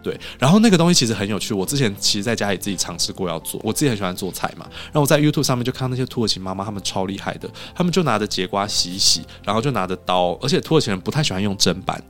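A man's voice: on the low side, very fast, hardly any pauses, faint music behind. A man from Taiwan, a podcast guest telling stories in casual chat and acting out what people said. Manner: animated storyteller who acts out quoted dialogue.

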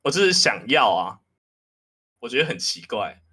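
A man's voice: medium pitch, big pitch swings, normal speed, sharp tone, breathy edge. A man, hosting a podcast in casual chat, talking candidly and self-deprecatingly. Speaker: podcast host.

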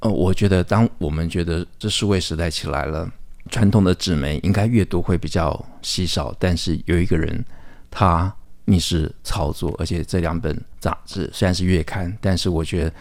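Deep gravelly-voiced male radio host. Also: fairly even intonation, darkish tone. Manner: measured, courteous, praising the guest. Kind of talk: radio interview.

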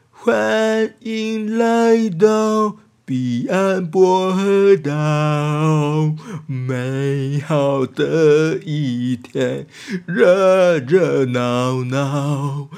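A man voicing a goofy young male pig who sings slower and lower, off key, like a tape on dying batteries. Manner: creaky, off-key singing.

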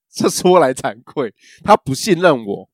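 A man's voice: a little high, big pitch swings, takes it slowly, dry recording, studio quality. A man, co-hosting a casual podcast chat and telling a rambling story full of fillers and restarts. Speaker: podcast co-host.

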